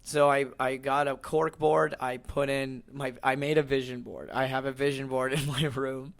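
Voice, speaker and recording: A young man in his twenties tells a personal story in relaxed chat, circling back with restarts and little laughs as he goes. His voice sits in a middle pitch for a man. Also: moderate pace. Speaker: stand-up comedian, guest. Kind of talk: casual podcast chat.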